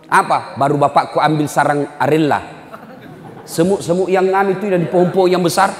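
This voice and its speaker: A man preaching a humorous sermon, joking and acting out family scenes, now and then bursting into shouts. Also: on the high side, fairly even intonation, fairly quick. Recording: echoey hall.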